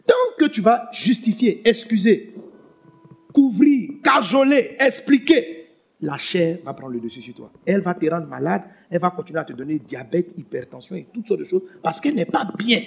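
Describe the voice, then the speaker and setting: A pastor preaching a sermon, swinging between loud emphatic lines and hushed ones. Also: male voice, high voice, animated, normal speed, creaky, slightly rough.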